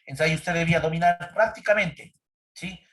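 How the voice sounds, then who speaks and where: A man from Ecuador teaches an online grammar class in a fairly high, slightly bright voice at a somewhat quick pace. He constantly checks in with "¿sí?" and quizzes his students.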